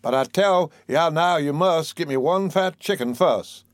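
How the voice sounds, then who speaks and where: A man doing a crafty little weasel, raised pitch, dry sound. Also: unhurried, no echo, natural voice. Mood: scheming. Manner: crafty, persuasive, sly. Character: small, sly male weasel schemer.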